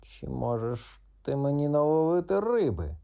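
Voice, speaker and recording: A man voicing a proud, grumpy tomcat who growls slow threats in a children's audiobook. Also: fairly high pitch, big pitch swings, vocal fry, dark tone, muffled recording, pitched above the performer's own voice. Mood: menacing.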